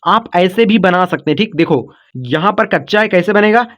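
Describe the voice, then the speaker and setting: A man's voice: high-pitched, normal speed, a bit bright. A man teaching an online spelling lesson, patiently breaking words into syllables, repeating himself often and checking in with his students. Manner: calls listeners "kids" and "brother", checks in with "okay".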